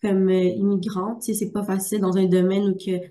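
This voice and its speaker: A young woman with a Québécois French accent gives a personal testimony as a webinar guest. Her delivery is halting and full of fillers, with a flat melody and a dark, mellow tone. She speaks from her workplace at a school. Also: medium pitch. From Quebec. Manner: halting, many filler sounds. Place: primary school workplace, some noise.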